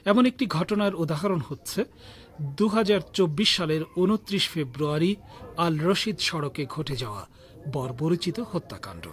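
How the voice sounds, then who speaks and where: A man reading the radio news in a measured, formal delivery. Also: a little high, animated. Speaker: news reader.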